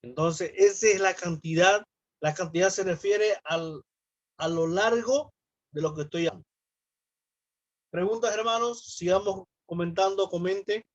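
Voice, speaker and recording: A man's voice: sits high, measured pace, no room sound, lo-fi sound. A man, a pastor, teaching a church class on public speaking. He explains terms, asks the class questions and acts out sample greetings.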